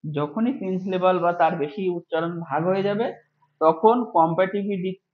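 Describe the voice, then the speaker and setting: A man with a high-pitched voice teaches a grammar lesson, walking through each rule step by step. He stretches out the example words slowly so they can be heard clearly. The recording is echoey and dull, like a lo-fi room recording.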